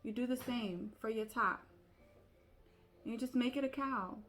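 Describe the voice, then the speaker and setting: A young woman chatting excitedly while making a crafting tutorial, calling viewers y'all. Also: fairly high pitch, unhurried. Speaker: crafting vlogger. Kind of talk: casual crafting tutorial chat.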